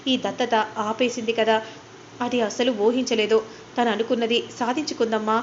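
A woman voicing a worried, gentle middle-aged uncle who asks concerned questions. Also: on the high side, flat delivery, normal speed, dull audio, a little hiss or hum, lightly acted.

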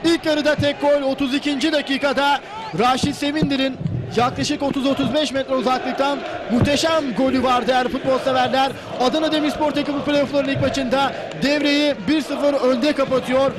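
High-pitched male football commentator. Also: little pitch movement, moderate pace. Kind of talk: live play-by-play commentary. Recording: noisy stadium broadcast with loud crowd. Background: loud crowd and stadium noise.

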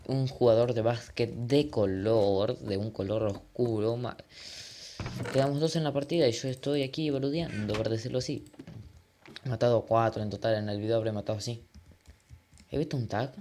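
A man giving casual gameplay commentary as a gaming channel host, excitable and jumping from mumbled asides to loud outbursts, sprinkling in English exclamations and swearing. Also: mid-range voice, moderate pace, slight background noise.

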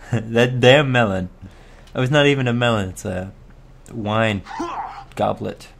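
Slow-paced, gravelly man playing a video game. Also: on the low side. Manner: chuckling, sweary, talks to himself. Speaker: let's play gamer. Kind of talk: casual gameplay commentary.

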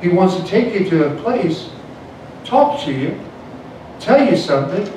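A man preaching as a pastor, punctuating his lines with "amen" and calls to the church. He swings between soft, low passages and shouted, high climaxes. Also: big pitch swings, unhurried. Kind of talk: evangelical sermon. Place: church sanctuary, indoors. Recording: echoey church sound from far off, faint noise.

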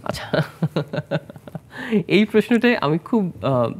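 Very slow, husky and sing-song, this high male voice belongs to a plastic surgeon from Bangladesh. As a studio health interview guest he explains treatments, weaves English medical terms into his speech, and puts questions to the host.

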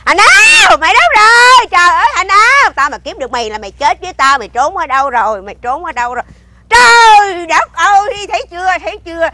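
A woman with a Southern Vietnamese accent playing a shrill, nagging foster mother who scolds a lazy boy and often shouts. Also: expressive, fast, dry recording, heavily acted. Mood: furious. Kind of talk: comedy sketch acting.

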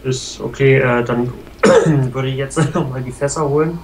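A man's voice: medium pitch, fairly even intonation, unhurried, crowd noise. A man giving casual commentary as the second player in a let's play. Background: game music.

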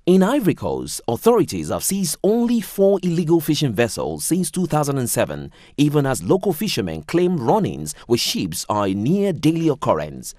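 A man's voice: wildly swooping pitch, warm tone, no echo. Male news voice-over, swooping intonation, dry close booth sound. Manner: measured reading with wide pitch swings. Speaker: news reporter. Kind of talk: scripted news narration.

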